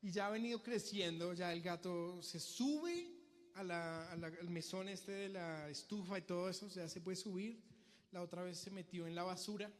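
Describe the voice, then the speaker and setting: A young man preaching a sermon to a congregation, telling stories in a lively way and acting out the shouts and pleas he describes. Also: high-pitched, normal speed, faint music behind.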